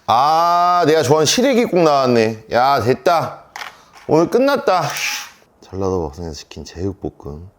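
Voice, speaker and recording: A man's voice: medium pitch, wildly swooping pitch, moderate pace, slight background noise. A man in his thirties chatting to viewers at home while eating a delivery meal and drinking, in a casual mukbang vlog. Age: 30s. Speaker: mukbang vlogger.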